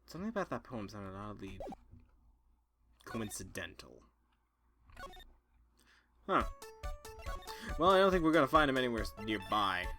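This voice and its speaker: A man doing an earnest young lawyer from a game, thinking out loud in a dry, lowered voice that still rises and falls a lot. Game music plays clearly behind him. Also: big pitch swings, moderate pace, long pauses. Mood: thoughtful. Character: young male defense lawyer, earnest, wry. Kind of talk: fan voice-over of a game.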